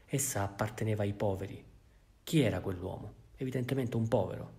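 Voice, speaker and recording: A man with an Italian accent reading a classic novel aloud in measured, even narration. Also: on the low side, creaky. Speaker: audiobook reader. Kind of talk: literary audiobook narration.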